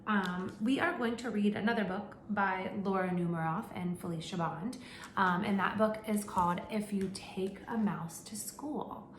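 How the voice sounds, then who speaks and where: At medium pitch and an ordinary pace, a woman teacher brings a picture book to life for small children, questioning them as she goes. There's a faint hum and noticeable echo in the room.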